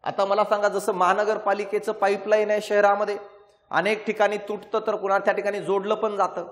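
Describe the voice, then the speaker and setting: A man teaching exam-prep science, explaining through lively stories and rhetorical questions. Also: high voice, fairly quick, in a large hall.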